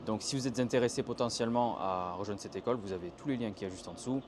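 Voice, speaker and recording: A young man from France races through a chatty outdoor lesson on Mandarin tones beside a canal in a Chinese city, animatedly demonstrating each intonation. His voice is fairly low, and the handheld tripod camera picks up a noisy background.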